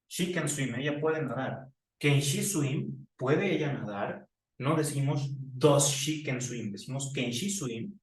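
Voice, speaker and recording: A man giving a classroom English grammar lesson, explaining slowly and repeating example sentences. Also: medium pitch, far from the mic. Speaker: English teacher. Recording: roomy echo, voice from off mic.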